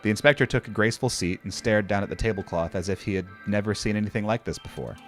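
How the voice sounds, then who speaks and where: Deep-voiced man narrating a horror story. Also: quick pace, soft background music. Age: older. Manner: wry, conversational, profane.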